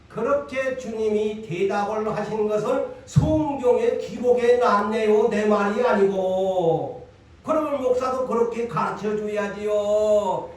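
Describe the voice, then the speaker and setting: A man with a Gyeongsang accent preaching a Sunday sermon, forceful, repeating lines and throwing rhetorical questions at his congregation. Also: high voice. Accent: Gyeongsang Korean. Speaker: pastor. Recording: echoey hall, voice from far off.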